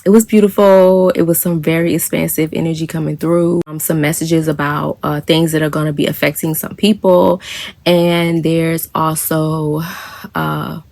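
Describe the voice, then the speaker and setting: Low, gravelly-voiced woman vlogging softly. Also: level tone, moderate pace, no room sound. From United States. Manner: soft-spoken, meandering, frequent fillers and light laughs. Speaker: spiritual practitioner and reverend. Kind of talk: casual reflective vlog monologue.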